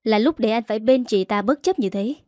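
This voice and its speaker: A woman's voice: fairly high pitch, a little fast, warm tone, no echo, clean studio sound, close to an everyday voice. A woman voicing a spiteful young woman making a sneering accusation. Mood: accusing.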